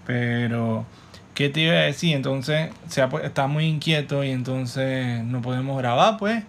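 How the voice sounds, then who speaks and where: A man's voice: mid-range voice, normal speed, slight background noise. A man with a Panamanian Spanish accent hosting a podcast in a casual, playful, slangy way. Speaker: podcast host; stand-up comedian.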